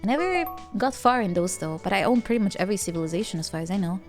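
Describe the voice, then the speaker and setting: A woman's voice: mid-range voice, animated, rapid-fire. A woman livestreamer chatting casually while gaming, in a playful, cute anime-streamer manner. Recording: music playing behind the voice. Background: music.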